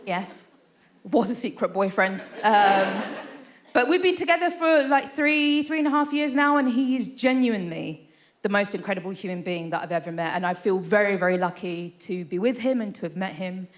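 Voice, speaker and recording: On a live theatre stage, a stand-up comedian in her thirties chats her way through a self-deprecating set, frequently adding "right?" to her lines. She has a mid-range voice and talks at a normal speed in front of the audience.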